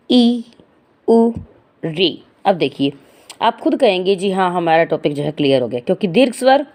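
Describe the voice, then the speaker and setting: A woman's voice: mid-range voice, darkish tone. Woman teaching grammar, explaining patiently. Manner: explanatory, asks and answers her own questions; stretches vowel sounds when demonstrating. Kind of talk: Hindi grammar lesson.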